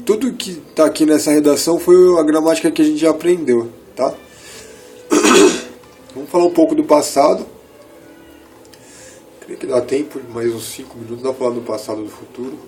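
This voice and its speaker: A man in his thirties from Brazil, teaching English in a casual lesson, switching between quick asides and slow, careful reading of English phrases. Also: fairly high pitch, a little mellow, slight background noise, poor audio. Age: 30s. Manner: explains in quick asides, slows down to read English. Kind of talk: casual bilingual language lesson.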